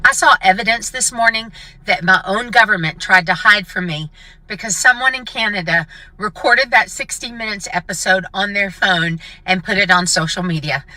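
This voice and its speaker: Earnest woman with a bright voice. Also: mid-range voice, moderate pace, no room sound, recorded from a distance, poor audio.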